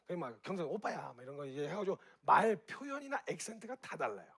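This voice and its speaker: A man giving a lively talk to an audience, asking them questions and acting out reactions with sound effects. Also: a little high, fast talker. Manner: animated, direct questions to the audience. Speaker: speaker at a group gathering.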